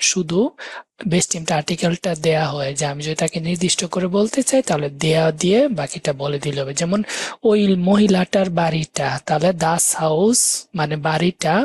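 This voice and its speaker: A male language instructor giving a live grammar lesson, explaining step by step, repeating key words and slowing down to break words into syllables. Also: fairly high pitch, darkish tone, husky.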